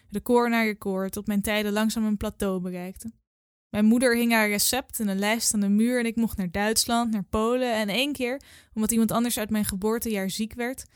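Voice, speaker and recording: A woman in her twenties reading her own literary story aloud in a calm, measured way. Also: on the high side, no room sound, clean studio sound. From Netherlands. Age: 20s.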